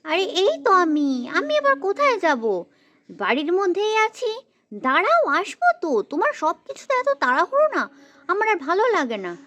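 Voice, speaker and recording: A woman's voice: very high voice, normal speed. A woman voicing a fussy young village housewife in a doll story, grumbling and scolding as she talks. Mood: fussing.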